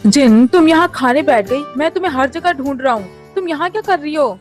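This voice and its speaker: Brief: a woman playing a fond, teasing young groom in a read-aloud love story. Voice still sits rather high, faint music under it. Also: animated, brisk. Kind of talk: fan story reading in Hindi.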